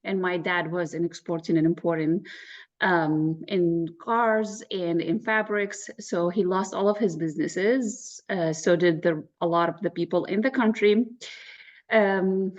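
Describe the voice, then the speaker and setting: A Baghdad-born woman of around forty, a real estate agent, tells her personal story candidly and matter-of-factly as an interview guest. Her voice is low-pitched and fairly even, her pace unhurried, and the audio has its highs cut off.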